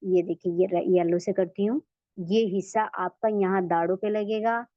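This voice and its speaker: A woman teaching Quran recitation in an online lesson, patiently repeating sounds slowly for her students to copy. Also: medium pitch, steady tone, no room sound, highs cut off.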